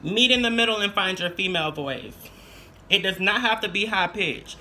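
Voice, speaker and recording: A woman's voice: mid-range voice, normal speed, bright, forceful tone, a little hiss or hum. A young adult woman vlogger giving casual tips, chatty and repeating phrases for emphasis. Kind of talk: casual tutorial chat.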